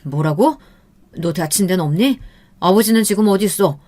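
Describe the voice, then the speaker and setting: A woman's voice: lowish voice, animated, normal speed, mellow. Protective middle-aged father read by a woman narrator, earnest and firm, audio storybook. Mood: urgent. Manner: earnest, urgent.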